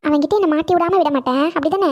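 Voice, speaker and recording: A woman's voice: sits high, muffled recording, close to an everyday voice. A woman voicing a cheeky young woman who teases an old grandmother over the phone in a cartoon comedy. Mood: teasing. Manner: teasing, cheeky, quick.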